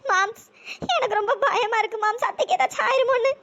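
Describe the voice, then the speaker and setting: A voice actor doing a timid, squeaky young cartoon woman. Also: quick pace, fairly bright tone, dull audio. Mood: fearful. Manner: fearful, pleading. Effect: pitch-raised voice. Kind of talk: cartoon drama dialogue.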